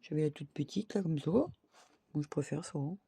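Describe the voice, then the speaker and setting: A woman's voice: low-pitched, a little fast, dark tone, husky, no room sound. A woman craft vlogger chatting casually to her viewers, thinking aloud and dotting her talk with little "hop" and "voilà".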